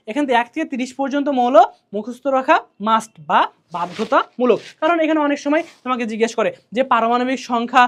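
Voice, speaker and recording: A woman teacher gives a colloquial exam revision lesson, drilling key answers by asking questions and repeating them. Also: a little high. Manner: colloquial, chatty.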